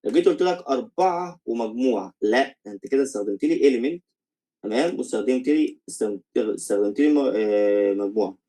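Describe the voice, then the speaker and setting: A man's voice: mid-range voice, lively intonation, quick pace, dark tone, poor audio. A young man with an Egyptian accent teaching college math in a recorded lecture, explaining step by step, checking "okay?" after each point and mixing English math terms into his Arabic.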